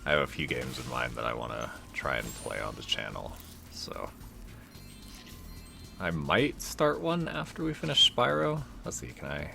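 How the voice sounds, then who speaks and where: Young man, extremely low pitch, crackly fry, casual rambling game commentary, faint music behind. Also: big pitch swings, moderate pace. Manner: rambling, laid-back. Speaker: let's play host.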